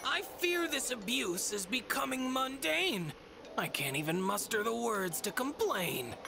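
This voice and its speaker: A smug little rabbit mascot creature in an anime game, fairly high and very animated. It talks in an unhurried, theatrical, teasing way, with music playing behind. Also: female voice, gravelly, exaggerated voice. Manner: theatrical, teasing, riddling rhymes. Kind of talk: anime video game voice acting.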